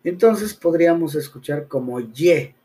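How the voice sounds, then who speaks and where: A man's voice: a little high, lively intonation, unhurried, warm tone. A man whose first language is Spanish, teaching a bilingual English lesson, drilling phrases patiently and spelling words letter by letter.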